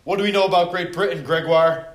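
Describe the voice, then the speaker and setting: A man's voice: on the high side, fairly even intonation, quick pace. A middle-aged man teacher running a joking review quiz with his class, calling on students by name. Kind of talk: casual classroom review chat. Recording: echoey classroom with faint noise.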